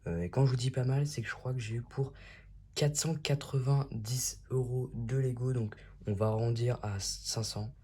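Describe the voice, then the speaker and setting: A man's voice: mid-range voice, steady tone, moderate pace, mellow, husky. A man hosting a casual unboxing vlog, talking in a chatty and enthusiastic way. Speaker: YouTube host.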